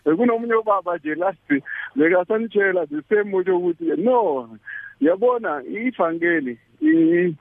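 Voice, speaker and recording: Male caller, South African Zulu accent, high pitch, tinny phone sound; halting, repetitive testimony mixing English and Zulu. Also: very animated, vocal fry, no room sound. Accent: South African Zulu-language. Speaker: caller to a religious radio show. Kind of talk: personal testimony, casual and conversational. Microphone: telephone.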